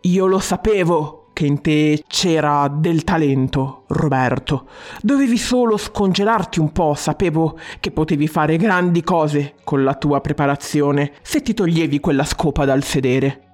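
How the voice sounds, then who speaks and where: A narrator voicing a boisterous male restaurant boss who plays a king, with loud, booming exclamations over faint music. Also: measured pace, natural voice. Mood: expansive.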